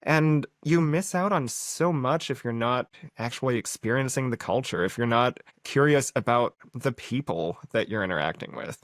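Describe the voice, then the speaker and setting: A man's voice: medium pitch, animated, normal speed, few pauses, dry recording, clean studio sound. A man hosting a podcast, chatting casually and often restarting his sentences. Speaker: podcast host. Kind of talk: casual conversation.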